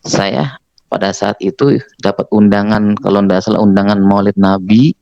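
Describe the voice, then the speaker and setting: A man's voice: on the low side, flat delivery, moderate pace, creaky, warm tone, dry recording, highs cut off. A man giving an earnest spoken testimony, telling his story and acting out the dialogue himself. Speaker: former preacher giving testimony.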